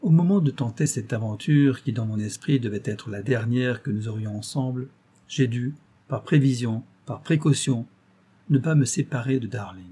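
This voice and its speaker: A man's voice: mid-range voice, normal speed, warm tone, slightly rough, close to an everyday voice. A man voicing a gloating, cruel master criminal in an audiobook, taunting and menacing. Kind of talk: audiobook reading.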